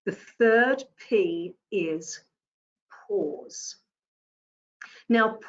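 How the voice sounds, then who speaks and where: Slow, deliberate female speaking coach, emphatic delivery on dull lo-fi web audio. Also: mid-range voice. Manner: deliberate, emphatic, varies stress for teaching. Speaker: communication coach. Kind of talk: presentation skills lesson.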